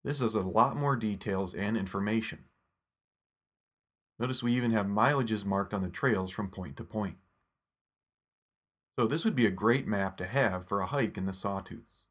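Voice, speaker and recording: A man with a voice on the low side narrates a scripted phone app tutorial, walking through each step in a steady, instructive manner.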